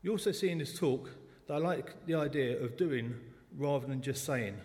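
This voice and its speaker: A man's voice: on the high side, darkish tone. A man in his forties from South London, with a South London accent, giving a personal testimony talk at a church service in a chatty, self-deprecating way. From South London, England. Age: 40s. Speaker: lay speaker at a church service. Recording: long church hall reverb.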